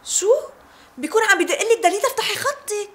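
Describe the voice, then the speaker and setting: A woman's voice: very high-pitched, animated, fast talker, fairly bright tone. An actress playing a prodding, questioning female friend with a Lebanese accent in a TV drama. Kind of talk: TV drama acting.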